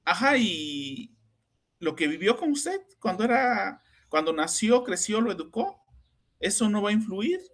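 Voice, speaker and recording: A man's voice: high-pitched, very animated, a little slow, fairly bright tone. Chatty Mexican man telling anecdotes. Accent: Mexican Spanish. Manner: chatty, anecdotal, frequent tag questions. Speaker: psychoanalyst podcast host. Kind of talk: conversational storytelling.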